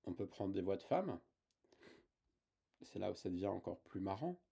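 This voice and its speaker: A man's voice: low voice, sing-song, moderate pace, gravelly, mellow, slightly rough. A man hosting a casual tech tutorial, talking hesitantly with many fillers and restarts.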